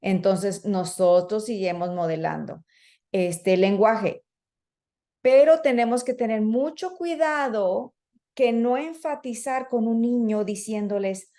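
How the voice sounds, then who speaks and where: At a slow pace and in a mellow, medium-pitched voice, an early childhood trainer talks teachers through a professional development session. Her style is conversational: fillers throughout, plus acted-out voices of children and teachers.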